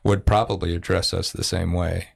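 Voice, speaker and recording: Deep voiced guy musing on a podcast, laid back group chat. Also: little pitch movement, normal speed, gravelly, a little mellow. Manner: musing, reflective. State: married. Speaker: podcast co-host.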